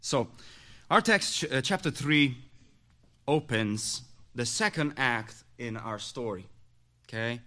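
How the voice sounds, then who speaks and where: A man preaching an evening sermon in short, emphatic phrases, slightly hoarse as his voice gives out. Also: mid-range voice, sharp tone.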